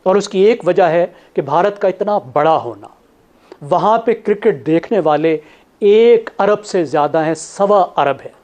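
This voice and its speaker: A man, a TV analyst laying out his points one by one in a measured way. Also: sits high, lively intonation, a little mellow. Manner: measured, lists points in order. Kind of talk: studio analysis.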